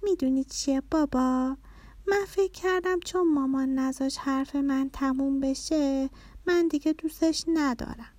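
A woman's voice: no echo, natural voice. Woman doing an eager little girl. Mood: thoughtful. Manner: high, excited childlike voice.

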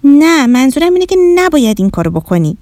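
A woman's voice: high-pitched, sing-song, a little mellow, no echo, studio quality, voice pushed up. A woman voicing a young girl who earnestly explains manners and scolds. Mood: instructive. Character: young girl, bossy and polite-minded.

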